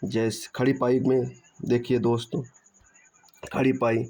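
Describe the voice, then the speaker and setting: A man teaches Hindi grammar online, unhurried, his mid-range voice darkish with little pitch movement. Repeating points, he asks questions and answers them, checks in with "theek hai," and draws out syllables as he spells sounds, all on a muffled, dull lo-fi recording.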